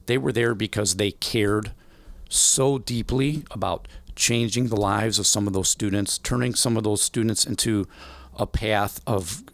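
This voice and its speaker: A man in his forties telling a life story as a podcast guest, animated and acting out the voices of people he quotes. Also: on the low side, measured pace, no room sound. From United States. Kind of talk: storytelling interview.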